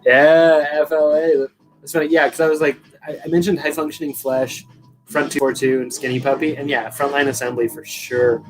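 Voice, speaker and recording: Over soft background music in a rough recording, a Californian streamer in his thirties chats with his viewers and answers their messages while telling a long story full of swearing and tangents. He speaks on the high side, in a level tone at a moderate pace.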